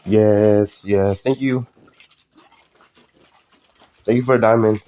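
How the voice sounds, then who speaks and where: A young man chats loosely with his live-stream viewers, his voice sitting very low. He rambles and hesitates, circling back through fillers and restarts as he goes. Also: fairly even intonation, slow pace, warm tone.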